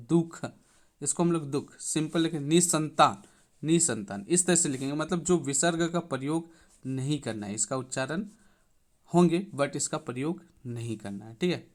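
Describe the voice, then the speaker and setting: A man teaching an exam-prep grammar lesson, reading out rules and then explaining them slowly, with frequent check-ins to the class. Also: a little high. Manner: repeats "thik hai" after each point.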